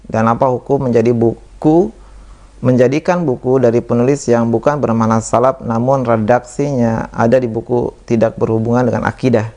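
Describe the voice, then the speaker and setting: A man's voice: mid-range voice, darkish tone. A man moderating a religious Q&A, politely reading out listeners' questions in a formal way. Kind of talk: hosting a Q&A session.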